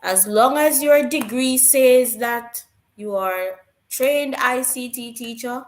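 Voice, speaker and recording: A woman co-hosts a live stream, her voice on the high side and slow, with a reverberant sound. She answers viewers' questions about teaching jobs, repeating her key points for emphasis.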